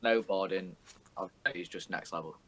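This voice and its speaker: A man's voice: deep voice, moderate pace, fairly bright tone, poor audio. A young man co-hosting a podcast in casual, bantering chat, swearing freely and explaining things at length. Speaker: podcast co-host.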